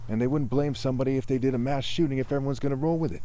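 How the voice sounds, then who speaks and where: A man narrates a parable off the cuff, earnest and rambling, pushing his voice up as the telling turns heated. His tone is dark and mellow and sits at a middling pitch. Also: steady tone, racing. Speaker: storyteller.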